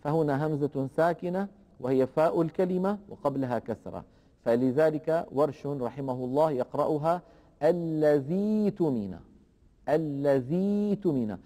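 A man gives a careful lesson on Quranic reading rules, pausing to draw out example words. His voice sits a little high but sounds mellow and soft-edged. A long reverb trails behind him, as if he were recorded in a large hall. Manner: slow, deliberate explanation, drawing out example words. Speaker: Quran recitation teacher.

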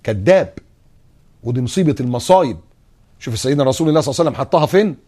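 A man with an Egyptian Arabic accent giving a televised religious lesson, animated, acting out little dialogues and chanting phrases slowly. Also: medium pitch. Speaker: Islamic preacher.

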